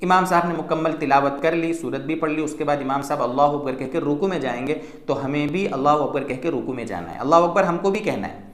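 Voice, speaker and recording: A man's voice: a little high, quick pace, roomy sound. A man explaining step by step how to pray as a mufti, in a patient teaching manner, often checking in with "theek hai.". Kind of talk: religious instruction talk.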